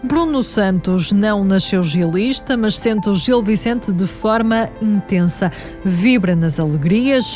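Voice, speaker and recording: A woman reporter with a European Portuguese accent narrates a scripted feature. Her pitch is average, and faint music plays behind her. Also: a little mellow. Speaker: reporter and interviewer.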